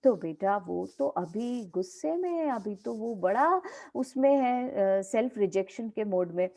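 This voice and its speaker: A woman teacher explaining a story chapter to her students. She retells its dialogue and talks to them warmly as "beta". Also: mid-range voice, animated, a little slow, creaky.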